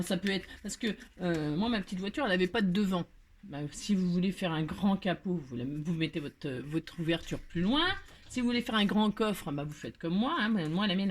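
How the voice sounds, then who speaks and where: A woman hosting a casual craft tutorial, chatty and self-mocking, full of fillers and repeated asides. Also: lowish voice.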